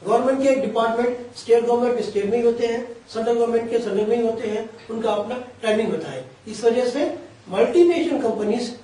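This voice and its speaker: Heard from a distant mic in a heavily echoing room, this man talks fast in a high, mellow voice. As a career guidance expert giving interview answers, he explains patiently in long sentences of Urdu-tinged Hindi mixed with English terms.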